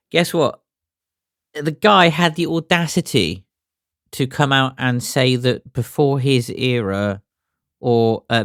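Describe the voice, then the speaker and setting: A man co-hosting a podcast, rambling with halting restarts and an exasperated tone. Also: medium pitch, no echo, studio quality. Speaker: podcast co-host. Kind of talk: casual chat.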